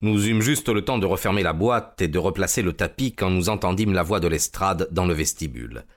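Detective's companion, measured, low-pitched, radio drama. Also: male voice, lively intonation. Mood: calm. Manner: measured storytelling. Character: male companion narrating the case. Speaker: narrator. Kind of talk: scripted narration.

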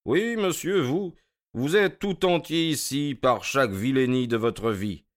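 A self-assured detective, cool and ironic, played by a man who speaks with calm, methodical needling. His voice is smooth and resonant. He delivers in a radio drama manner. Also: medium pitch, a little slow, lightly acted.

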